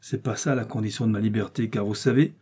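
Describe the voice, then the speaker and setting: Tough street brawler guy, a male reader puts him on, insistent and slangy, mellow husky voice. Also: on the low side, steady tone, fast talker. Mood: wary. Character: brawny male Paris street thug, loud, wary.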